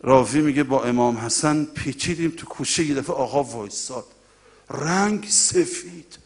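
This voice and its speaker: A male preacher giving a colloquial, impassioned mourning sermon that swells into loud cries and drops to quiet asides to the congregation. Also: mid-range voice, husky. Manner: colloquial, direct address to the congregation.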